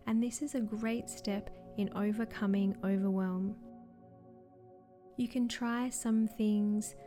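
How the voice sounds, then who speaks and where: A woman wellness coach reading scripted guidance in a soft, soothing, measured way. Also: mid-range voice. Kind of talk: scripted wellness narration, guided relaxation. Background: music.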